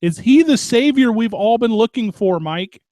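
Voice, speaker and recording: A man's voice: very high voice, lively intonation, normal speed, dark tone, no room sound. A man co-hosting a talk radio show in casual chat, playful and teasing. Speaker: radio co-host.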